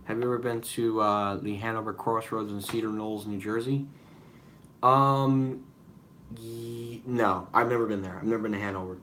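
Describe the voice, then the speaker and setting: A man's voice: fairly low pitch, fairly even intonation, moderate pace, fairly bright tone, a little hiss or hum. A young man hosting a casual live-stream Q&A, rambling with many fillers and apologies. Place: room at home with noise behind.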